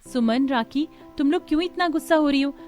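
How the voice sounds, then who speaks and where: A woman's voice: high-pitched, brisk, a little mellow, soft background music, close to an everyday voice. A woman voicing a kind, patient mother-in-law in a cartoon story, speaking in a coaxing, reasonable way.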